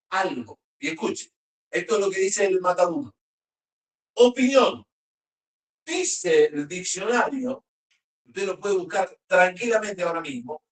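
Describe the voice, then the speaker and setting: A preacher delivering a sermon, slowing and raising the voice to read verses aloud. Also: medium pitch. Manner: emphatic, slows and raises voice when reading verses. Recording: roomy hall, voice from a distance.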